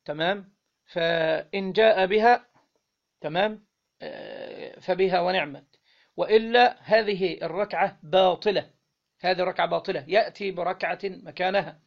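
A man with an Egyptian accent teaching Islamic law, reading a legal text aloud and then explaining it, often pausing to quiz his listeners. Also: high voice, vocal fry, lo-fi sound. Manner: reads the text then explains, quizzing listeners with "what?" pauses.

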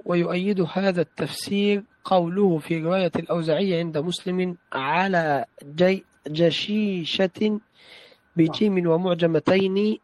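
A man's voice: high voice, darkish tone, dry recording, poor audio. A man reading a classical text aloud in a study session, carefully reciting and repeating phrases when corrected.

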